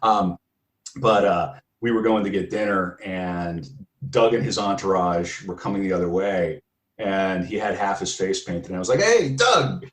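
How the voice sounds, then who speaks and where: A man, a guest playwright, telling animated stories in a casual podcast chat and laughing often. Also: sits low, moderate pace. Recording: roomy echo.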